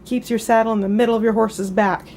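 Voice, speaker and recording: A somewhat high-voiced woman explains gear in a relaxed, friendly teaching manner. She talks chattily with fillers and asides and coughs now and then. A faint hiss sits under her voice. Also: fast. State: coughing at times. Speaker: riding instructor. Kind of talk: casual instructional demonstration.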